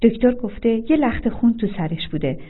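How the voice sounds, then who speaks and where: A woman reader voicing a middle-aged aunt giving an urgent, hurried report. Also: on the high side, big pitch swings. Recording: phone-like narrow sound.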